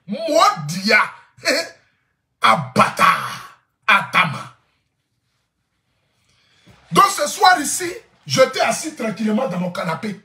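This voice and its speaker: A man's voice: very high voice, big pitch swings, moderate pace, sharp tone, echoey room. A man telling a comic vlog story, boisterous, laughing often and repeating his phrases. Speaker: social media influencer. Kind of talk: casual comic vlog monologue.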